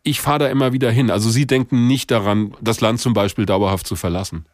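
A man conducting a radio interview, asking measured, composed questions. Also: medium pitch, steady tone, no room sound, clean studio sound.

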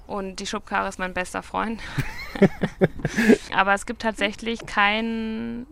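Bright, crisp young woman with creaky edges. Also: mid-range voice, little pitch movement, takes it slowly, slight background noise. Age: 20s. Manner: chatty, self-correcting, frequent fillers. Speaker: market gardener. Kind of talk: casual interview answers. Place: outdoors at a vegetable field.

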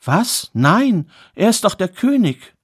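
A man voicing an anxious young queen who pleads in a raised, higher voice while telling a spoken fairy tale. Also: animated, moderate pace, lightly acted. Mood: alarmed.

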